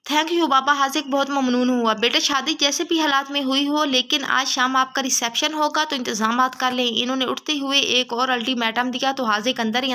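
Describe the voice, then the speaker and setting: A woman narrating a romance novel in a steady, measured reading. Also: high voice. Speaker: novel reader. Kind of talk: storybook narration.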